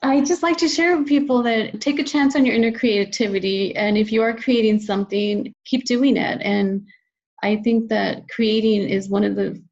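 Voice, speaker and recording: A woman's voice: a little high, steady tone, normal speed, darkish tone, dull audio. A woman speaking as a podcast guest, reflecting in an earnest, encouraging, conversational way. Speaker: podcast guest, children's book author. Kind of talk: conversational interview, personal reflection.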